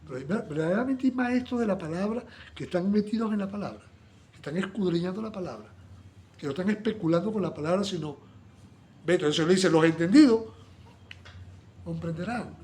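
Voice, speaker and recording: A man teaching a Bible study sermon, acting out little dialogues and swinging between loud exclamations and soft asides. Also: sits high, expressive, a little fast, slight background noise.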